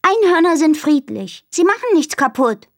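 A woman doing a high know-it-all girl. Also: sing-song, normal speed, no room sound, studio quality. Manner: lecturing, high and bright. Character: know-it-all young girl, easily irritated.

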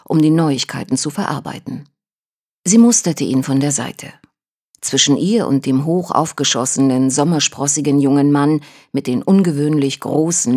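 A woman reading a novel aloud as narrator in a measured, even manner. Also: sits low. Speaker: audiobook narrator. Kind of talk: scripted narration.

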